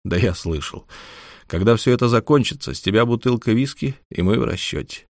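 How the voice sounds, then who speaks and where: A man voicing a calm, tired, terse police investigator in an audiobook. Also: mid-range voice, fairly quick, no echo, clean studio sound. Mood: matter-of-fact. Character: weary, calm male police investigator captain. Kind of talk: scripted audiobook character acting.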